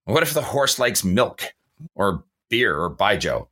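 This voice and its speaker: A man's voice: lowish voice, big pitch swings, a little slow, bright, forceful tone, slightly rough. A man, the show's host, chatting casually, telling anecdotes and asking playful rhetorical questions. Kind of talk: casual chat.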